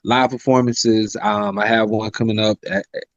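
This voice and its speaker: With a flat delivery at moderate pace, this South Carolina man in his 30s, a rapper and singer, talks casually as a polite interview guest full of "you know." He calls his own voice high-pitched; the recording is dry and lo-fi.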